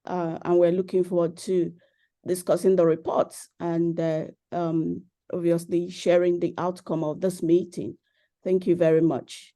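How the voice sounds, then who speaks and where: A woman's voice: fairly low pitch, level tone, unhurried, warm tone. A woman giving brief, polite and hesitant greeting remarks as a guest over an online call. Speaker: remote guest speaker. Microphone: joining remotely over an online call.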